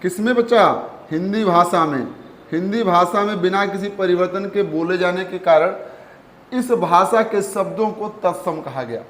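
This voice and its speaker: A man's voice: high voice, a little slow, a bit bright, slight background noise. A man teaching a Hindi grammar lesson, calling his students "beta" and "bachche" and repeating each key point. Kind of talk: classroom lesson. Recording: echoey room.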